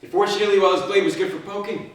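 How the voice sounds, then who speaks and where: A man's voice: sits high, steady tone, rapid-fire. A man delivering a theatrical first-person monologue, telling his story dramatically with wry, dry humour. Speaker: solo stage performer. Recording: very echoey stage, distant microphone.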